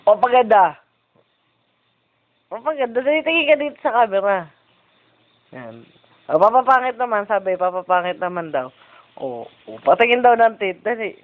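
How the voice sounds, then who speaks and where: A woman's voice: mid-range voice, expressive. Woman coaxing a toddler, lo-fi. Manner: coaxing, playful, repeating words slowly. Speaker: family member coaxing a toddler. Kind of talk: home video with a toddler. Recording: lo-fi phone-like home video.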